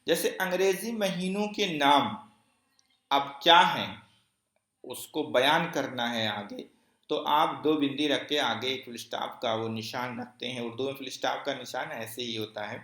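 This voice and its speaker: A man at an ordinary middle pitch teaches a grammar lesson for exam candidates. He poses questions and answers them himself, repeating key phrases slowly. His voice carries the echo of a roomy indoor space. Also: a bit bright. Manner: explains step by step, asks questions and answers them.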